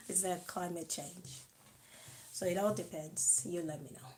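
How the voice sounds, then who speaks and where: Mujer de voz grave charlando en directo. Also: female voice, fairly low pitch, slight background noise, low-quality recording. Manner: slow, chatty, greets viewers and laughs softly. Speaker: live-stream host. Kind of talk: casual live-stream chat to viewers.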